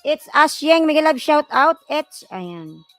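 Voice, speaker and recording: A hoarse woman chatting and laughing on a live stream, shouting out viewers by name and breaking off to sing a few lines. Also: sits high, big pitch swings, slow, no room sound, faint music behind. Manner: giggly, self-conscious, greets viewers by name. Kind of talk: casual live-stream chat with sung lines.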